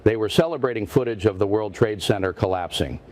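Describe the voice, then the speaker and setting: A man's voice: on the low side, brisk, a little mellow, close to an everyday voice. A man playing a parody news anchor, a stiff, formal, indignant interviewer who presses and repeats himself. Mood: solemn, formal. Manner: stiff, formal, repetitive, confrontational.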